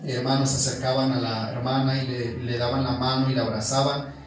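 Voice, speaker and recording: A man's voice: mid-range voice, little pitch movement, a little fast. A young Mexican man preaching a sermon and telling a story, addressing the congregation as brother again and again. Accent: Mexican Spanish. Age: young adult. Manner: storytelling, calls the congregation "hermano" constantly. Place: church hall. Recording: echoey church room, mic at a distance.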